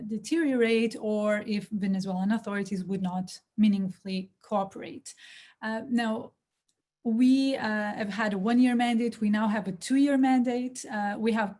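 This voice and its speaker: A woman's voice: fairly high pitch, mellow. A woman speaking as a panelist in a panel discussion, hesitant and full of fillers.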